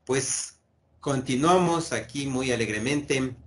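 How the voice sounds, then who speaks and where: A man's voice: mid-range voice, a little hiss or hum. Earnest man explaining psychology topics. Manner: earnest, explanatory, pauses with self-corrections. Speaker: mental health educator. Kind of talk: explanatory video lesson.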